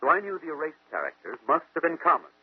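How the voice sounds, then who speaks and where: Here a man voices the same kind of character fully: a methodical, brilliant American detective from 1940s radio mysteries, confidently explaining deductions through didactic question-and-answer reasoning. His voice runs a little high, swings hugely in pitch, and carries a breathy edge. The recording is dry yet muffled and phone-like, like old radio.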